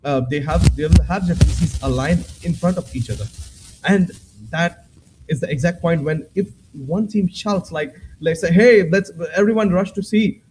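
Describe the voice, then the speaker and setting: High-voiced caster with many fillers. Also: male voice, normal speed, over music, low-quality recording. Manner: hesitant, many fillers and restarts. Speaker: esports caster. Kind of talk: esports post-match analysis.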